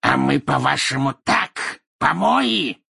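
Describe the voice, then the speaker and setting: Old furious wizard, boastful and ranting, raspy and sharp, big pitch swings. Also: male voice, very animated, unhurried, exaggerated voice. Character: furious filthy old male pure-blood wizard, boastful. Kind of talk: audiobook character reading.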